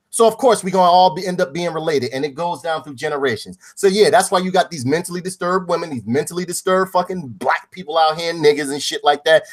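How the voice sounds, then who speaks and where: A man co-hosting a podcast, talking in a loud, profane, casual way and often laughing at his own bits. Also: fairly high pitch. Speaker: podcast co-host. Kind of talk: casual crude chat.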